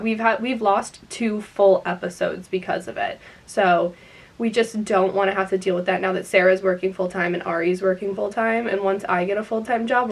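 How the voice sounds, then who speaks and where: A young adult woman chatting casually in a vlog, filling her talk with "like.". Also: medium pitch. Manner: chatty, says "like" a lot. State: out of breath. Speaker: vlogger.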